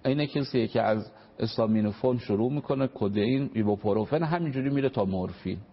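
A man's voice: medium pitch, breathy edge. A man, a family counselor explaining parenting on a radio talk show, earnest and full of examples. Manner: earnest, explanatory, uses examples and polite formal phrases. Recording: dull lo-fi radio broadcast.

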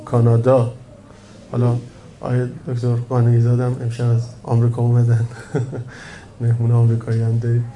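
A man delivers a religious lecture to a gathered audience, his voice mellow and dark. He speaks in an easy conversational way, yet drives points home by repeating phrases and posing rhetorical questions. A faint hum of noise sits behind him. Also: medium pitch.

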